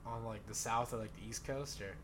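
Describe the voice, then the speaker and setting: A man's voice: lowish voice, brisk, background noise. A man chatting casually as an interviewer, agreeable and often repeating back what he hears. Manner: agreeable, echoes the other's words. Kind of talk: casual chat.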